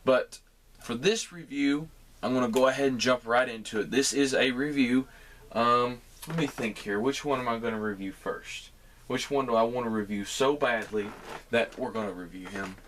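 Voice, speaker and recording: A man's voice: mid-range voice, moderate pace, a bit bright, a little hiss or hum. Chatty man reviewing a toy. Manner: chatty, talks straight to viewers. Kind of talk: casual unboxing review.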